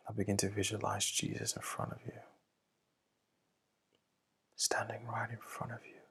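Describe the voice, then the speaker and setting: Low gravelly guy half whispering a slow breathing meditation, kinda deep. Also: little pitch movement. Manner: slow, soft, hushed guidance. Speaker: meditation guide.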